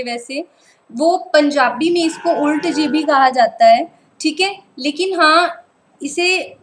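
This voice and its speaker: High-voiced woman teaching over slides. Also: fairly bright tone, low-quality recording. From Punjab, India. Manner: patient, keeps repeating "ठीक है" to check understanding. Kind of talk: online lecture over slides.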